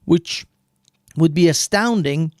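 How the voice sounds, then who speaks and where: A man's voice: on the high side, expressive, slow pace, no room sound, clean studio sound. A man with a British accent, hosting a livestream and arguing his point in casual commentary, laughing at his own jokes. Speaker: livestream host.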